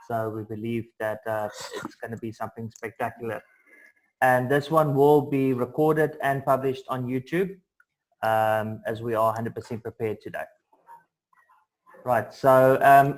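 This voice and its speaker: A man presenting an online sales pitch over a video call, upbeat and salesy, with plenty of ums and uhs. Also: rough recording.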